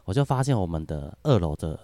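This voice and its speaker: A man's voice: sits low, big pitch swings, brisk, dark tone, no echo. A man, a podcast guest chatting casually and laughing often as he tells stories. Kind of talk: casual chat.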